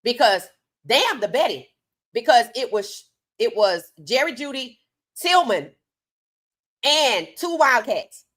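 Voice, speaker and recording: A woman's voice: on the high side, big pitch swings, takes it slowly, long pauses, fairly bright tone. A woman delivering opinionated sports commentary straight to her audience, emphatic, with rhetorical questions and repeated phrases.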